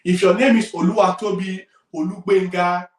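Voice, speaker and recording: A Nigerian-accented man coaching listeners on careers, his voice pitched a little high for a man. He talks emphatically, hammering points home with swings in volume. He is recorded from a distance, in an echoey room. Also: level tone, normal speed. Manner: emphatic, repeats key points, loudness swings widely. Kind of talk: career advice talk.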